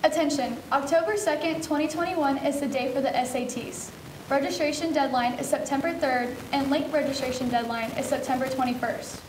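A woman's voice: high-pitched, fairly quick, roomy sound, a little hiss or hum. A teenage girl co-anchoring a school news show, steadily reading scripted announcements. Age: teens. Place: school TV studio.

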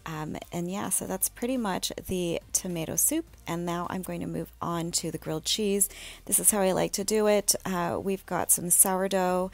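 Relaxed woman with a gravelly low voice. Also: moderate pace. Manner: relaxed, chatty, with fillers and small laughs. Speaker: home cook vlogger. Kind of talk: casual cooking voice-over.

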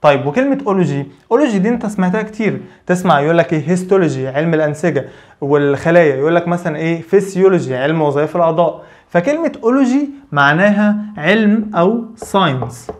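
Egyptian guy teaching physio, talks super fast, slightly high voice, keeps quizzing then answering himself. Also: a little mellow. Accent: Egyptian Arabic. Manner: rapid, repeats questions and answers them himself. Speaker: physical therapy lecturer. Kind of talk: lively explanatory lecture.

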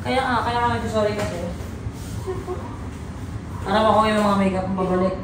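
A woman's voice: medium pitch, steady tone, normal speed, roomy sound, distant mic, background noise. A mother scolding her daughter sternly in a vlog, repeating pointed questions. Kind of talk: vlog confrontation.

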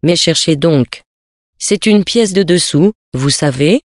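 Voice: medium pitch, animated, takes it slowly, no echo, studio quality. A reader voicing a stern, stingy city lady who scolds sharply, in a storybook reading. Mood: impatient.

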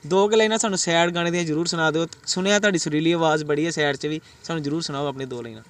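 A man's voice: fairly high pitch, racing. A man interviewing a singer for a web news channel, eager and promotional, urging viewers on. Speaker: reporter, interviewer.

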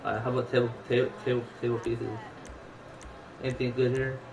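A man's voice: medium pitch, little pitch movement, a little fast, gravelly, noisy background. A man casually commenting on his gameplay, mumbling to himself as he browses items. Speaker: streamer playing a video game.

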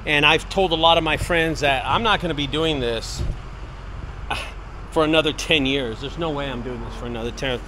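A man's voice: a little high, moderate pace. A man in his late forties walking and talking through a warehouse, giving an earnest, repetitive motivational pep talk about goals. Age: 40s. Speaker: business owner vlogger. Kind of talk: casual walk-and-talk vlog. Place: outdoors and in a large empty warehouse. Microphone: wireless earbud mic, handheld camera. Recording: faint outdoor noise.

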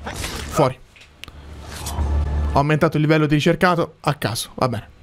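A man's voice: a little high, moderate pace, background noise. A man giving casual gameplay commentary, sarcastic and half talking to himself. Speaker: gaming video host. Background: game music.

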